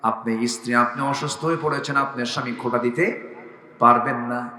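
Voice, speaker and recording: A man preaching a sermon, acting out dialogue and rising into impassioned shouts. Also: medium pitch, steady tone, moderate pace. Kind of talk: Bengali waz sermon. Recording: echoey hall with long reverb.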